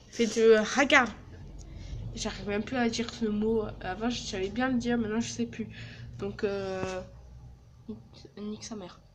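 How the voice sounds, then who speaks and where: In a casual vlog, a teenage girl with a fairly high voice jokes and swears her way through her work placement in a small office. Her humor is crude, and there's a slight hiss or hum on the recording.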